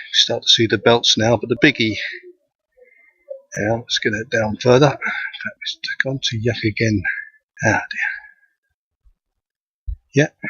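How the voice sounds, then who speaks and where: Guy talking thru his telescope setup outside, thin tinny no-bass sound, bright edgy tone, dry. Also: breathy edge, dry recording. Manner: thinking aloud while working. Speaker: amateur astronomer. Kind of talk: live how-to commentary. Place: outdoors at night. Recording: dull lo-fi outdoor recording.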